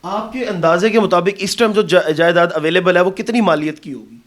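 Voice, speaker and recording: Probing male interviewer with a high voice. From Pakistan. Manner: sympathetic, probing questions.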